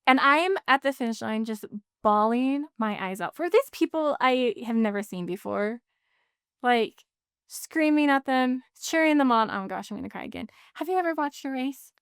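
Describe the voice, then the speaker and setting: Bubbly, chatty woman, smooth voice. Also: high voice, normal speed, a bit bright, no room sound, clean studio sound. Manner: chatty, emotional, fills talk with "like". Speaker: podcast guest. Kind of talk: casual interview chat.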